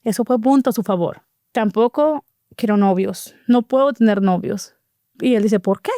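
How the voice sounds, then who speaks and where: A woman's voice: mid-range voice, moderate pace, no room sound, studio quality. A middle-aged woman, a guest animatedly telling her personal life story and acting out the dialogue. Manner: animated storyteller who acts out quoted dialogue. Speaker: interview guest.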